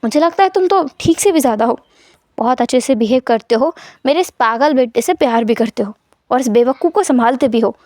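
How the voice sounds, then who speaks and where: A woman's voice: fairly high pitch, animated, a little fast, a little mellow, no room sound, studio quality, lightly acted. A woman voicing a middle-aged mother who scolds and teases her son. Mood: fond. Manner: teasing, scolding.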